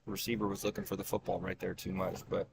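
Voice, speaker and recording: A man in the color commentator's seat, breaking down football plays in a relaxed, conversational way. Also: sits low, fast, vocal fry, noisy background. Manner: relaxed, conversational, with fillers and restarts. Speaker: color commentator and high school coach. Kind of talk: casual analytical sports commentary.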